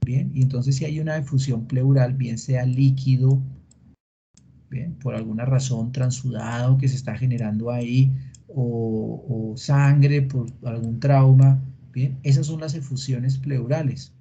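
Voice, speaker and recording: A man teaching a veterinary class in an online meeting, explaining step by step, quizzing students and filling pauses with "eh". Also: mid-range voice, steady tone, vocal fry, dark tone, slight background noise. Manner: explanatory, asks students questions, frequent fillers. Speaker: veterinary lecturer. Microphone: computer mic in a video call. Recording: dull lo-fi meeting recording.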